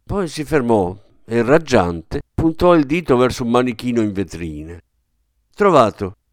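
An expressive male narrator reads a literary tale in a measured, storytelling way. His pitch moves in a lively, animated manner. The recording is dry and close. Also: dry recording. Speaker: audiobook reader.

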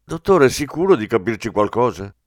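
A man's voice: mid-range voice, big pitch swings, a little fast, no echo, close to an everyday voice. A man voices a cheeky male police inspector in an audiobook. He jokes lightly with his superior. The sound is close and dry. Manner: cheeky, joking. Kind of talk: audiobook character voice.

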